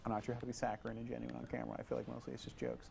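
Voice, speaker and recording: Young male co-host, mid-pitched, wry and playful, quick verdicts, student TV studio chat. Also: little pitch movement, gravelly, a little mellow, slight background noise. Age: young adult. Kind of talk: casual chat on a student TV show. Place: college TV studio. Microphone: wearing a microphone.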